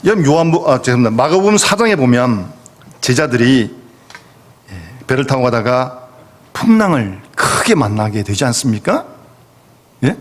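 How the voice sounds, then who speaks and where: A man's voice: mid-range voice, big pitch swings, normal speed, long pauses. A male pastor preaching a sermon emphatically, with rhetorical questions to the congregation. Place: church sanctuary. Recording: reverberant church hall.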